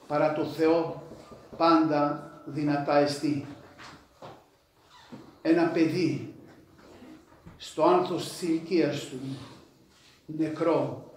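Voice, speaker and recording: A man delivering a sermon in a declamatory manner, with emphatic repetitions that rise to loud exclamations. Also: a little high, a little hiss or hum. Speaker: preacher. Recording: very echoey church from far off.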